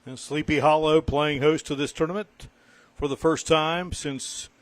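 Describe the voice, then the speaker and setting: A man doing live golf commentary in a measured announcer's style, delivered phrase by phrase. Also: on the high side, steady tone.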